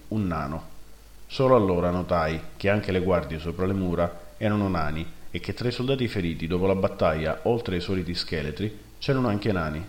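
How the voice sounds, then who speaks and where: A man narrating a first-person fantasy story in a steady, measured reading, in a roomy recording. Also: low-pitched. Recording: roomy echo.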